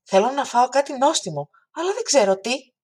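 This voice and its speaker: A woman's voice: sing-song, husky, full character voice. A woman voicing an eager, curious little girl in a storybook reading. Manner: high, bright, insistent when refusing.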